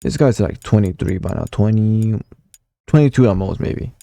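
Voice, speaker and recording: Casual, reminiscing commentary comes from a nineteen-year-old gaming vlogger who rambles through old console messages, filling gaps with fillers and the occasional swear. His voice sits on the low side with a dark tone at a moderate pace, in a dry, studio-quality recording.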